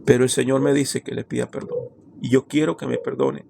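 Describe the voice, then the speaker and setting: A pastor with a gravelly, creaky voice shares a heartfelt testimony from the pulpit. He tells his story with deep feeling and keeps turning to his listeners as brothers. Faint noise sits behind him. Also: little pitch movement, a little fast. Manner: emotional storytelling, often addressing listeners as brother. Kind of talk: sermon testimony.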